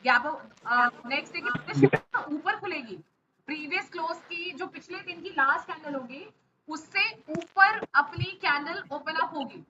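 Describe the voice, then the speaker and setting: A woman's voice: sits high, animated, unhurried. A woman teaching a live online stock market class over a video call. She answers students' questions and keeps checking in with them. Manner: keeps checking in with frequent "ok?" and hesitation fillers. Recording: muffled audio with faint hiss.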